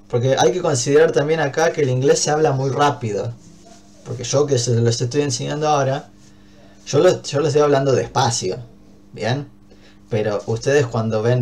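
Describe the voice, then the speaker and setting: A man's voice: medium pitch, a little mellow. A man with an Argentine Spanish accent teaching an English class, explaining patiently and checking often that his students follow. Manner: patient, checks understanding with frequent "¿bien?".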